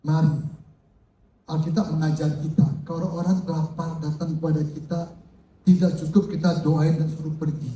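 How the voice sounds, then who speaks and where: An older man preaching a sermon as pastor, lively and joking with his congregation. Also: on the high side, normal speed. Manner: lively, jokes with the congregation and calls out to them. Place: church hall. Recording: echoey hall, mic from far off.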